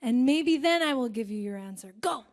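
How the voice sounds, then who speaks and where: A woman voicing a stern old crone who gives cryptic, commanding orders in a loud voice. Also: sits high, animated, moderate pace.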